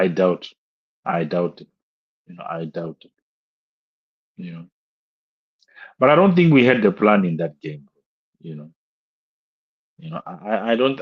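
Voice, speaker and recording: A man's voice: deep voice, husky, lo-fi sound. A young man on a live stream, ranting about a football match, repeating himself in exasperation and tossing in "bro" constantly.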